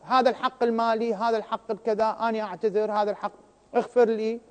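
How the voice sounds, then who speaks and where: A man's voice: sits high, flat delivery, fast, long reverb tail. A man with an Iraqi Arabic accent giving a televised religious talk as a scholar, acting out everyday people's words in dialogue and posing rhetorical questions.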